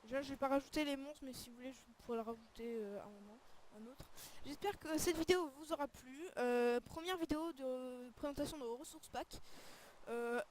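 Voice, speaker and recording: A woman's voice: high voice, a little fast, a little mellow, slight background noise. A woman casually commenting on a game texture pack as a video creator, hesitant and often searching for her words. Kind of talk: casual screen-recorded commentary.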